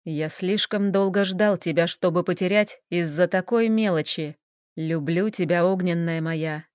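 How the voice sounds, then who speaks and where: A woman voicing a calm, cocky young male dragon lord with a low, slow, unbothered drawl. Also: clear, resonant tone, no echo, clean studio sound, natural voice. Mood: tender.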